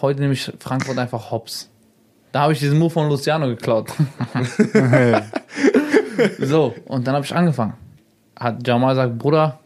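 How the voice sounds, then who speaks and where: A young man, a YouTuber guest on a radio show, telling stories casually and acting out the quoted dialogue. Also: mid-range voice. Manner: animated, acts out quoted dialogue. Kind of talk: casual storytelling.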